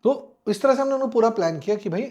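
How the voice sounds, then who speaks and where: A middle-aged man, a former fighter pilot and interview guest, telling a story in a lively way, acting out the quoted voices and mixing English phrases into his talk. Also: high voice, fast.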